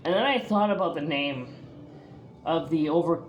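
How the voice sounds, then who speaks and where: A woman's voice: low voice, moderate pace, soft background music. A woman from the northeastern US talking casually to her camera in a chatty, rambling way, full of fillers and restarts. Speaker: vlogger.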